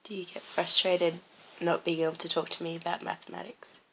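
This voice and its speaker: Woman, lowish voice, interviewer, casual, curious, probing. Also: little pitch movement, brisk, gravelly, slight background noise, poor audio. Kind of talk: casual conversation.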